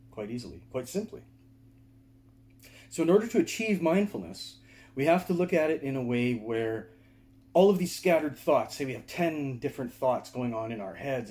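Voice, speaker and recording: Mellow-voiced man teaching meditation. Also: medium pitch, a little hiss or hum. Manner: conversational, explains with frequent "right?" and "okay?" check-ins. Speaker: meditation and martial arts teacher. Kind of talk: casual video lecture to camera. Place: indoors, seated.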